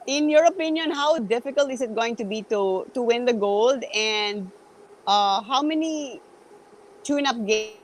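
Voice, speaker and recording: Lively woman co-hosting. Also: a little high, measured pace, a little hiss or hum, rough recording. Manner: lively, mixes Tagalog into English. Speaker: talk show co-host. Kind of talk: hosting an interview.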